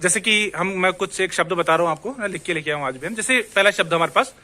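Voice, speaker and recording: An Indian man teaching a casual language lesson, his voice pitched high and his tone bright. He talks in a chatty way, repeats the words he teaches and keeps checking that the viewer is following. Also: fast. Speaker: Spanish teacher.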